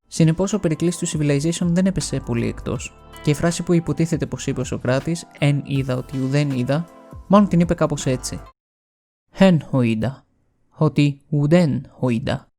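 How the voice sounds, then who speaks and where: A man from Greece narrates a scripted video essay with wry, explanatory delivery. His voice is somewhat high for a man yet mellow and dark in color, with faint music underneath.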